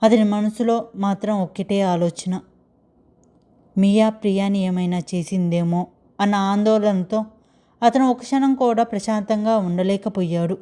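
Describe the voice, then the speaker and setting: A woman narrating a romance story in a steady, expressive reading voice. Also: medium pitch, unhurried, smooth.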